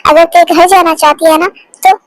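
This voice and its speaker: A high young voice playing a firm, protective older man. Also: little pitch movement, normal speed, no room sound. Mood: reassuring. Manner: firm, reassuring. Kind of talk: fan dub of a melodrama.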